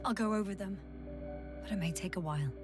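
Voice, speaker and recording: A woman's voice: medium pitch, fast, lightly acted. A woman playing a terse field doctor. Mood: focused. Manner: clipped, matter-of-fact reports. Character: composed female field doctor, terse and practical. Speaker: scientist on a planet mission. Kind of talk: video game voice acting. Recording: game audio, distant mic, music under.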